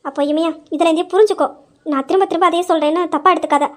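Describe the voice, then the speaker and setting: A woman's voice: extremely high pitch, fairly even intonation, very fast. A young woman in a dramatized story who presses her point insistently and persuasively. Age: young adult.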